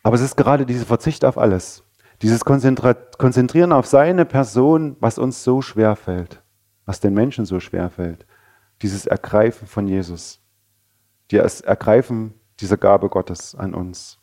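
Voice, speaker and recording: A man preaching a sermon, talking conversationally with rhetorical questions and moving between raised passages and quiet, low ones. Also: a little slow. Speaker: pastor.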